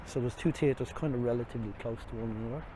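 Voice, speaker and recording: Traffic and vehicle noise surround an Irish man out on the city streets by a river, who offers a relaxed, meandering, self-deprecating walking tour commentary through a face mask. He speaks at a quick pace in a mid-range voice.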